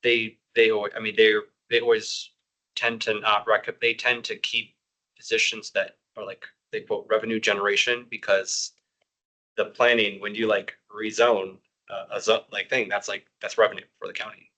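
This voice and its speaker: Commission member, male, low-pitched and bright, rambling meeting talk. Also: flat delivery, moderate pace, low-quality recording. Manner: rambling, many fillers and restarts. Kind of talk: public meeting discussion.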